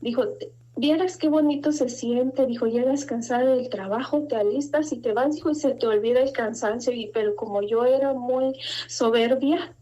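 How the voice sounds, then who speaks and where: A middle-aged woman giving an earnest, halting personal testimony of faith and fear, her voice rising as she recalls her fears. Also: a little high, mellow. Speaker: guest giving a religious testimony. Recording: dull lo-fi sound.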